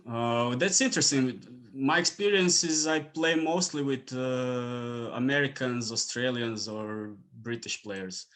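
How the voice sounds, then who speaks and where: A man from Croatia, speaking English as a second language, chatting casually as a podcast guest with lots of fillers and soft trailing endings. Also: medium pitch, a little slow, hardly any pauses. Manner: relaxed, many fillers, trailing off quietly. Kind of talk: casual interview chat.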